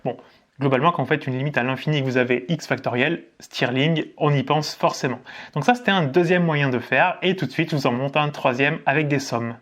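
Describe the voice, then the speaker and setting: A man from France teaches maths in front of a board, his voice sitting a little higher than most. He explains casually, asking himself questions and answering them as he works through each step. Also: brisk, a bit bright. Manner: casual, thinks aloud, asks and answers his own questions. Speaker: maths tutor.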